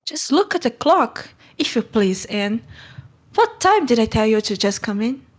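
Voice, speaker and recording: A woman with a fairly high, sing-song voice speaks a little slowly in an acted audiobook read-along. She plays a middle-aged guardian in the storybook who is stern but kind, brusque and scolding.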